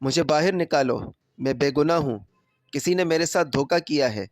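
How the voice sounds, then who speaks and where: A man's voice: mid-range voice, dry recording, clean studio sound, close to an everyday voice. A man voicing a young prisoner who pleads that he is innocent, in a pleading tone, in a storybook reading.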